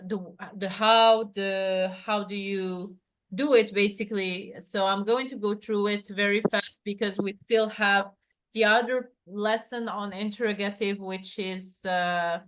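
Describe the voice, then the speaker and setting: A woman's voice: medium pitch, flat delivery, unhurried, a bit bright. A woman teaching a one-to-one lesson over a video call, explaining patiently with many fillers and restarts. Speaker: French tutor.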